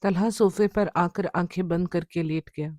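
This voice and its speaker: A woman narrating a scripted horror story in a measured, dramatic way. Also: fairly low pitch, steady tone, warm tone, dry recording, clean studio sound.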